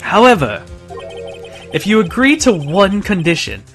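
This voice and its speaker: A man voicing a cold, haughty male prosecutor in a game, measured and condescending. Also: high voice, wildly swooping pitch, fairly bright tone, soft background music, pitched above the performer's own voice, heavily acted.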